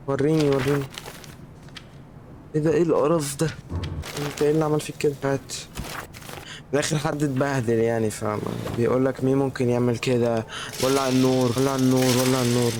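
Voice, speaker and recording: Egyptian guy doing scared let's play commentary, fast and jittery, loud game ambience behind. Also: mid-range voice, background noise. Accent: Egyptian Arabic. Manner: jittery, scared, talking to himself. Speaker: gaming YouTuber.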